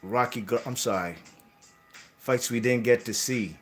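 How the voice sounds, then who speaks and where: A man's voice: medium pitch, a little slow, a bit bright, soft background music. A man hosting a boxing channel, talking casually about boxing history in a rambling way, correcting himself and tagging lines with "you know what I mean".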